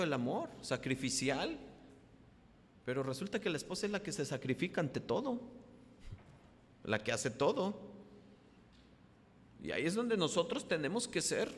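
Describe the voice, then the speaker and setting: A man with a Mexican accent preaching a sermon as pastor, often asking the congregation rhetorical questions, his voice swinging from soft to loud. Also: mid-range voice. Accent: Mexican Spanish. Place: church hall. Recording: long hall reverb.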